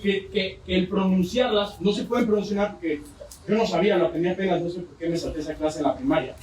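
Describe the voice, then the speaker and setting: Man, Mexican accent, sermon, high voice, echoey church hall, distant mic, faint background noise. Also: quick pace, darkish tone. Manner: storytelling with joking asides. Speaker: preacher. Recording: roomy church hall from far off.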